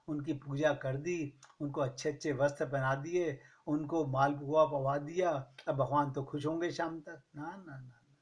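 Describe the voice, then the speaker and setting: A man giving a slow, measured spiritual discourse to a gathering, stressing his points with rhetorical questions. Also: on the high side. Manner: recites verse slowly. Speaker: spiritual teacher. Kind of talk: Hindi satsang discourse.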